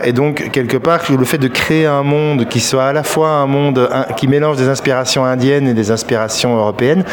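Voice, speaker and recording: Hesitant man musing aloud. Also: medium pitch. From Belgium. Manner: thoughtful, hesitant, many filler pauses. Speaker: fantasy author. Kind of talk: reflective interview answers.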